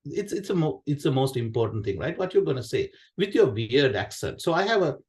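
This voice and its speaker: A man of medium pitch, slightly mellow and sing-song, speaks fairly quickly with a Sri Lankan accent, his native language being Sinhala. He is a QA director giving a conference session, presenting technical material informally. He keeps things conversational, repeats phrases, and poses questions often capped with "right?".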